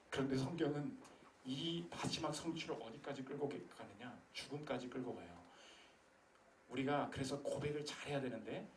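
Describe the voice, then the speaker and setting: A man preaching a sermon, swinging from loud urgent questions to hushed, intimate tones. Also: a little high, roomy sound, recorded from a distance, a little hiss or hum. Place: church sanctuary.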